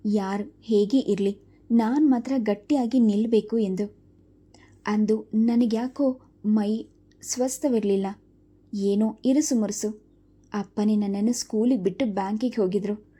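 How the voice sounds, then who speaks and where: Woman, storyteller, first-person story narration, steady and reflective, very mellow dark voice. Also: mid-range voice.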